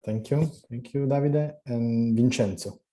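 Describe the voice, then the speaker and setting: A man's voice: mid-range voice, measured pace, mellow. A man moderating an online seminar over a video call, speaking hesitantly with many fillers.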